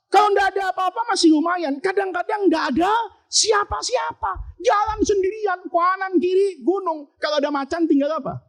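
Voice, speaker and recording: A man giving a lively storytelling sermon to boarding-school students, joking, asking rhetorical questions and breaking into sudden shouts. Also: very high voice, fairly quick, few pauses. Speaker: Islamic preacher teaching boarding-school students.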